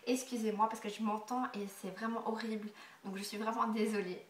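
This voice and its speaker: A young woman from Belgium answering a casual question tag for her vlog, with a stuffy congested nose, chatty and full of hesitant fillers, sometimes dropping to quiet asides. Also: mid-range voice, steady tone, brisk, echoey room, distant mic, slight background noise. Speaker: beauty vlogger.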